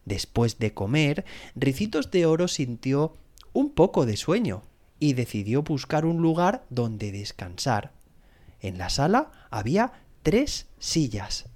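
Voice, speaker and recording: A man narrating a children's story with an expressive, animated reading as a podcast host. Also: medium pitch, takes it slowly. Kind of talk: scripted bedtime story narration.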